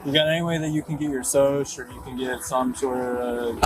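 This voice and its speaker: A man's voice: medium pitch, fairly even intonation, a little fast. A male police officer at a roadside traffic stop, firm and procedural. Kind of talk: bodycam conversation. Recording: noisy outdoor bodycam audio.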